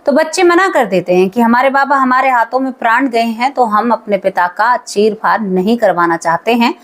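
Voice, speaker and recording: A woman with a fairly high voice tells a spooky folk tale. She speaks casually and turns to her audience as friends while she recounts it. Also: lively intonation, moderate pace. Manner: conversational, addresses listeners as friends. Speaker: storyteller. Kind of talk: spoken horror storytelling.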